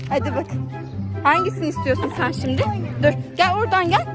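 A mother hosting a family play video chats playfully with her young child, coaxing with short, repeated prompts and questions. Her very high voice is expressive and fairly quick, with background music behind it.

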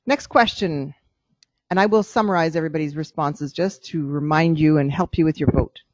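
A woman's voice: sits low, no room sound. A woman leading a club meeting in a cafe, calling on members and coaching them on short impromptu speeches. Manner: brisk, coaching, sums up answers. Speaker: meeting leader running table topics. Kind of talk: leading a club speaking exercise.

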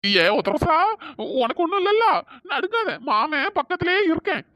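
A woman's voice: sits high, sing-song, normal speed, a bit bright, no room sound, clean studio sound, voice pushed up. A woman doing a cowardly village uncle. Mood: nervous. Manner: fawning, jittery, rambling. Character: bumbling cowardly village man, a drunkard uncle. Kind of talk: cartoon voice acting.

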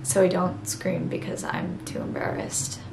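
A young woman acting a dramatic monologue as an embarrassed, sorrowful woman confessing something painful, halting and self-conscious. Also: fairly low pitch, flat delivery. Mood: anxious, ashamed. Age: young adult. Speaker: actor performing a monologue. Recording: roomy echo, clear background noise.

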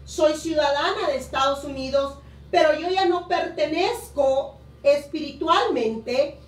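Woman pastor from honduras preaching slow and emphatic, high voice, echoey room, kinda far from the mic. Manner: emphatic preaching, stretching key words slowly. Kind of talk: sermon. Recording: roomy echo, voice a bit distant.

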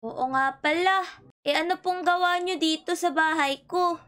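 Brief: woman host of a block-game role-play, extremely high squeaky voice, polite and fussy. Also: moderate pace. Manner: polite, excitable, fussing.

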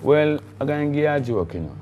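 A man's voice: a little high, very animated, fairly quick, muffled recording, a little hiss or hum. A middle-aged man with a Jamaican accent, a guest in a studio interview, talking in a rambling, emphatic way with patois phrasing. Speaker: guest, recording artiste.

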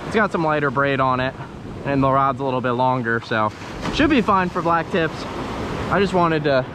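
A man in his thirties casually narrating on camera as he fishes from a beach, explaining each step and getting excited when fish bite. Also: fairly high pitch. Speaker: fishing vlogger. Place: sandy beach outdoors by the surf. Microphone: action camera, head-mounted and handheld. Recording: outdoor beach audio with loud surf and wind. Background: crashing waves and wind.

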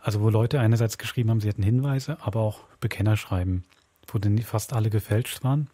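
A podcast host with a mellow, lowish male voice talks at a quick clip. He casually explains a radio play in a relaxed, conversational way.

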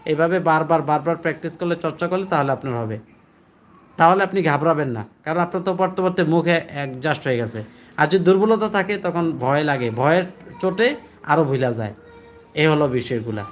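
A man teaching Quran recitation, explaining the rules and then chanting verses slowly. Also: on the high side, faint music behind.

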